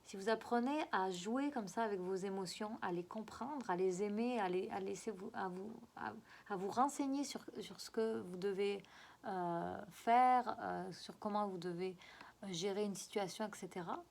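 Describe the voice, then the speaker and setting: Woman, regional French accent, spiritual guide. Mid-pitched, coaxing, repetitive, halting delivery. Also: vocal fry, darkish tone. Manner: coaxing and repetitive, often halting to search for words. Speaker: spiritual guide giving a card reading. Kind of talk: spoken spiritual guidance.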